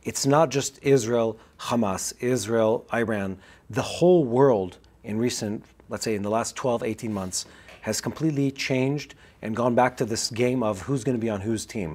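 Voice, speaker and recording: A man co-hosting a podcast, talking through analysis quickly with frequent fillers and restarts. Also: mid-range voice, darkish tone. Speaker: podcast co-host. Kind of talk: casual analytical chat. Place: Israel.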